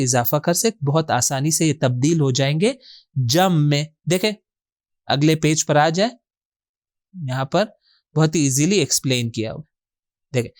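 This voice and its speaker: A man's voice: on the high side, a little mellow, no echo, clean studio sound. A man teaching a word-by-word Quran grammar lesson, posing questions to his students and answering them himself, with English terms mixed into his explanations.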